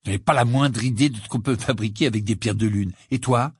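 A man's voice: medium pitch, brisk, slightly rough, no echo, studio quality. A man voicing a stubborn teenage boy wizard who mutters and flares up in anger. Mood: grumbling.

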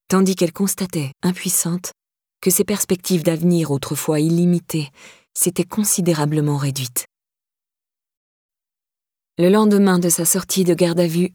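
A woman reading a novel aloud in an even, measured manner, close to the microphone. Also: lowish voice, no room sound. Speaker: audiobook narrator. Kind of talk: scripted narration.

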